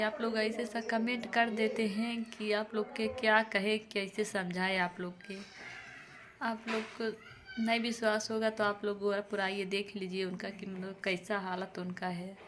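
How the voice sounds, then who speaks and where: A woman vlogger, pleading with her viewers again and again in casual talk. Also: mid-range voice. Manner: pleading, repetitive, addresses viewers as friends. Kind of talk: casual direct-to-camera vlog talk. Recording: noisy ambience behind.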